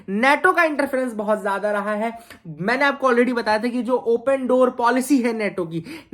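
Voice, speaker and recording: A woman's voice: fairly high pitch, a bit bright. A woman teaching an explanatory video lesson for exam students in a chatty way, asking rhetorical questions and mixing in English phrases. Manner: mixes English phrases into speech.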